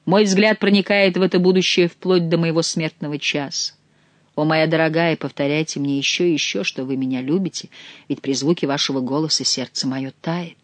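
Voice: mid-range voice, fairly even intonation, a little fast, no room sound, lightly acted. A reader voicing an amorous, gallant young king who talks tenderly and effusively to his beloved.

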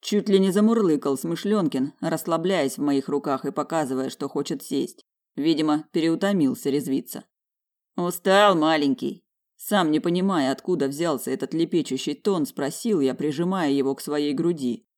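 A man's voice: fairly high pitch, normal speed, darkish tone. Man narrating a wry first-person story. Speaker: audiobook narrator.

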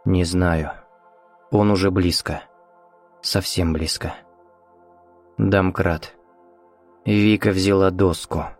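A man voicing a frightened, hypnotized man in a horror audiobook, speaking in a halting, fearful way. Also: low voice, fairly even intonation, soft background music, exaggerated voice. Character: frightened hypnotized man reliving a dark night.

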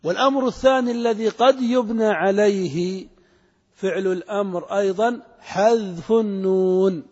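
A man's voice: sits high, moderate pace, darkish tone, breathy edge. A man teaching Arabic grammar to a class, asking students questions and repeating their answers. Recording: muffled recording in a reverberant hall.

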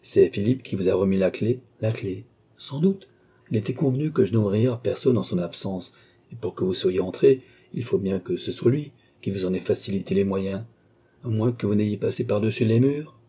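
Young noblewoman, quick questions, gently firm, played by a man in a lifted, husky register. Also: lowish voice. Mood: gentle. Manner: quick questions, softly reproachful. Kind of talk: audiobook character voice.

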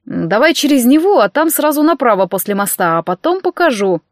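A woman's voice: fairly high pitch, sing-song, a little fast, dry recording, studio quality. A woman voicing a cocky, carefree young man who teases his girlfriend. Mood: cheerful. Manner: carefree, teasing.

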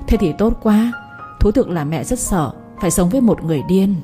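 A woman's voice: medium pitch, expressive, brisk, mellow, lightly acted. A woman voicing an embittered older mother who scolds her son possessively, in a reproachful manner, with faint music underneath. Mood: scolding.

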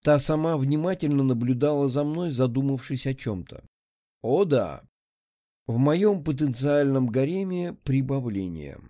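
A male audiobook narrator telling a first-person story in an even, lightly ironic voice. His tone is dark and relaxed, with a middle pitch, and the recording is dry with no room sound. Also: dry recording.

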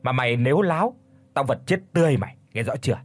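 A man voicing a young man who fakes his grandfather's ghost with a deep, booming, domineering voice. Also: expressive, quick pace, no echo, faint music behind, close to an everyday voice. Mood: warning. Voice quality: deep booming, sometimes a feeble rasp. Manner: domineering, scolding.

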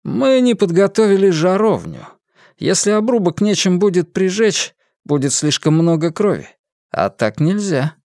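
A man voicing a calm fair-haired inquisitor who speaks in an impassive, measured way. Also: on the high side, gravelly, no room sound, studio quality, pitched above the performer's own voice, full character voice. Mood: dispassionate.

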